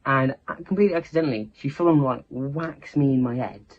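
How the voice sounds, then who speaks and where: A man's voice: mid-range voice, steady tone, normal speed, dull audio. Rambling teen boy. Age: teens. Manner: rambling, self-interrupting, chatty. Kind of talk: casual storytime chat.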